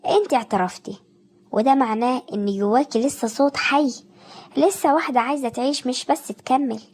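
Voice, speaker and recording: A woman with an Egyptian Arabic accent giving scripted motivational narration, speaking softly and intimately straight to the listener. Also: high voice, brisk. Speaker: narrator of a self-care video.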